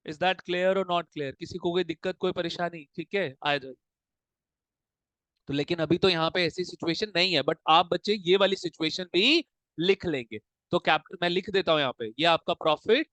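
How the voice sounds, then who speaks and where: High-voiced male tutor quizzing his class. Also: a bit bright, no room sound, low-quality recording. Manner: drills students with rapid call-and-answer questions; fatherly, calls students "beta". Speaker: commerce tutor. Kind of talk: classroom lecture mixing Hindi and English. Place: coaching classroom.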